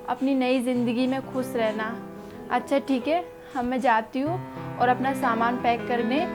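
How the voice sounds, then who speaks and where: A woman as a gentle, devoted young wife. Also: high-pitched, lightly acted. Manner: soft, coaxing, reassuring. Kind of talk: amateur short-film acting. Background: background music.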